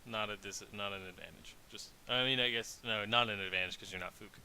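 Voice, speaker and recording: A man narrating as dungeon master in a tabletop game, talking in a relaxed, rambling way with many fillers. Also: fairly low pitch, fairly quick, low-quality recording. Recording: faint hiss.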